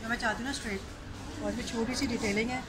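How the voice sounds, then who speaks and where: Speaking rapid-fire in a fairly high, steady voice, the vlogger talks straight to her audience, her Urdu sprinkled with English, as she goes from a mall to her home kitchen. It's a noisy handheld vlog recording.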